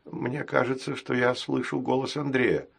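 A man voicing a gentle fretting robot nanny. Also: medium pitch, little pitch movement, moderate pace, gravelly, husky. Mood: bewildered. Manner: soft, fretful, scolding with care. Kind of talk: audiobook character reading.

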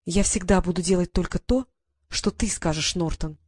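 A woman's voice: fairly low pitch, normal speed, a little mellow, no room sound, clean studio sound, lightly acted. A woman voicing a devoted, bloodthirsty female servant who talks insistently and with heat. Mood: insistent, hateful. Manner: insistent, heated.

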